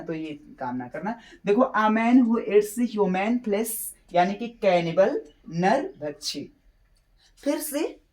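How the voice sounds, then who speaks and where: A man teaching English vocabulary to exam students, explaining in Hindi, slowly drawing out English phrases and constantly checking "okay?" with his class. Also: sits high. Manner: repeats phrases, slowly spells out English words, keeps checking with "theek hai na".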